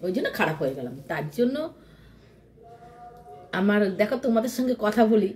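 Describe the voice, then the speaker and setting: A woman's voice: medium pitch, big pitch swings, fairly quick, a little mellow, a little hiss or hum. A woman vlogger chatting casually to her followers from home, rambling and repeating herself, often mimicking how other people talk.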